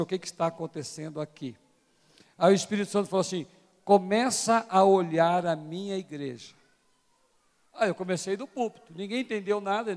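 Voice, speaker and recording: High-voiced preacher in a reverberant church. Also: male voice. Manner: storytelling preacher, swells from hushed to shouting. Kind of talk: sermon testimony. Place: large church hall. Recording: long church hall reverb.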